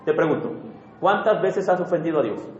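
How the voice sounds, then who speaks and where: A man's voice: a little high, animated, a little fast, slight background noise. A man preaching a sermon in a conversational way, often putting questions to the congregation. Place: church hall. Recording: roomy, dull church recording.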